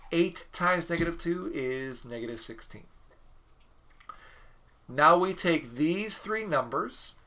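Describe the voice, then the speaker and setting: Guy teaching math on a video lecture, bright ringing voice, talks thru problems w little jokes. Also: on the high side. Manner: chatty, jokey teacher who works problems aloud. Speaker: math instructor. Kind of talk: recorded mini lecture.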